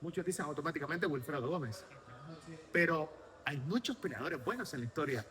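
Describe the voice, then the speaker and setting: A man hosting a sports interview, lively and promotional, asking long questions. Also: fairly high pitch, brisk. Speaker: interviewer host.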